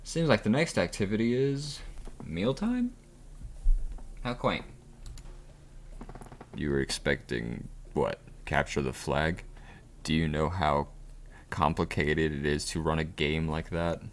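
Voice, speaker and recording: A man's voice: rumbling low, expressive, slow pace, long pauses, a little hiss or hum, full character voice. A man reading aloud the sarcastic narration of a dating game, with a dry, sardonic delivery.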